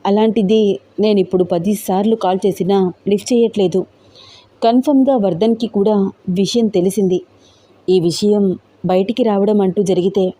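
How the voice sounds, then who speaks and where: A woman's voice: mid-range voice, mellow, natural voice. A woman voicing a frightened but resolute young woman who explains herself earnestly in a storybook tale.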